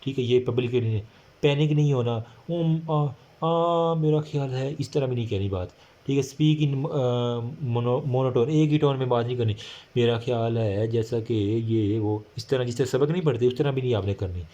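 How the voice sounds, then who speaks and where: A man giving a casual recorded lecture, reading English points slowly and explaining them in chatty Hindi-with many fillers. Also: medium pitch, warm tone, muffled recording.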